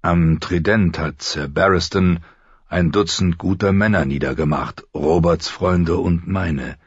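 A man voicing a stern, honorable middle-aged lord in an audiobook, speaking with measured, cool firmness. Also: low voice, breathy edge, no echo, muffled recording, heavily acted. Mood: firm.

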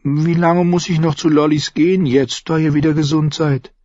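Male reader playing a naive young lover, high husky voice, dull dry audiobook sound. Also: steady tone, moderate pace, darkish tone, no echo, close to an everyday voice. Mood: eager. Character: young woman, eager, childish, pleading lover. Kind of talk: audiobook character voice.

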